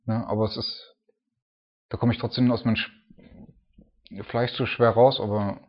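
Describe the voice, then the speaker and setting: A man's voice: lowish voice, flat delivery, normal speed. A man preaching an informal sermon, explaining Bible passages in a conversational, folksy way with frequent fillers. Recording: dull lo-fi recording.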